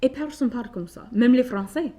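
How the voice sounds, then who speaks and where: A woman's voice: fairly high pitch, a little fast, warm tone. A woman in her twenties from Louisiana, speaking casually as an interview guest with a Cajun Louisiana French accent and frequent hesitations. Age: 20s. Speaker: interview guest, French studies graduate student.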